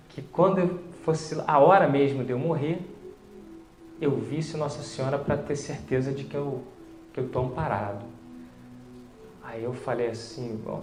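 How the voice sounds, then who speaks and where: A man with a Brazilian Portuguese accent telling a personal faith story in a lively conversational way, acting out the dialogue as he goes. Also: mid-range voice. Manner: conversational, animated retelling with quoted dialogue. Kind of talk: storytelling testimony. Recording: roomy echo.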